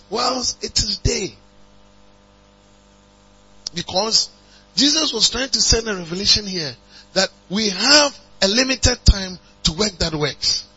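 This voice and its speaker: A man's voice: sits high, pushed and bright, slightly rough. Emphatic preaching man. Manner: rising to emphatic preaching, congregation call-and-response. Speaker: pastor. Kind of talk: sermon. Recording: dull lo-fi recording with mains hum.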